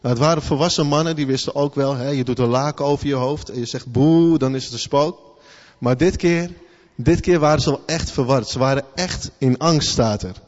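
A man's voice: medium pitch, normal speed, a little mellow. A man giving a sermon in a loose, conversational way, asking rhetorical questions and often repeating words as he thinks aloud. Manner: informal, conversational preaching with rhetorical questions and "hè" tags. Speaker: preacher. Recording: long hall reverb, slightly dull sound.

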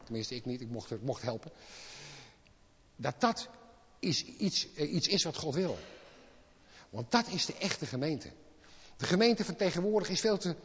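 A man preaching a sermon in speech, impassioned and swinging from quiet asides to loud exclamations. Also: fairly high pitch, expressive, a little slow, pauses often, slightly rough. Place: church hall. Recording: lo-fi with long hall reverb.

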